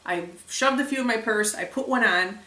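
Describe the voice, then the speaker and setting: A young woman vlogger chatting casually to the camera, retelling events with lively acted quotes. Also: fairly high pitch, moderate pace, far from the mic. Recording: echoey room, a bit off mic.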